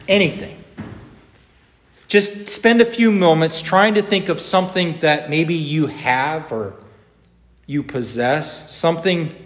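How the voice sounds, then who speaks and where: A man preaching a sermon as pastor, slow and measured, with emphatic rises on key words. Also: a little high. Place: church sanctuary. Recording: long church reverb.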